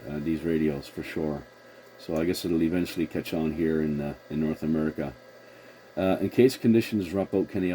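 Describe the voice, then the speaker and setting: A man with a low, warm voice hosts a relaxed CB radio chat, using call procedure and rephrasing as he goes. The recording is noisy, and he's a CB radio operator and video host.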